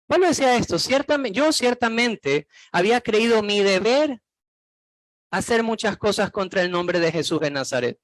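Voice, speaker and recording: A man's voice: high voice, a bit bright, no room sound. A man preaching a sermon as pastor, reading Bible verses aloud and putting many questions to the congregation.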